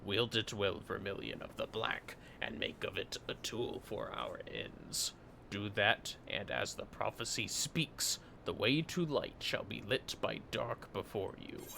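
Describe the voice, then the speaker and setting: A grave mage elder from a fantasy game, read by a man, slow and fairly low. He delivers formal, archaic lines with measured solemnity. Music plays behind him. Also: big pitch swings, creaky, pushed and bright, slight background noise, exaggerated voice.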